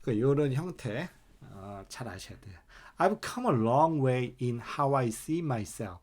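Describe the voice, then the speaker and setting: Male English teacher, measured delivery, slows right down on example sentences. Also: medium pitch, animated. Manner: explains in Korean, reads English examples slowly and deliberately. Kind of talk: online English lesson.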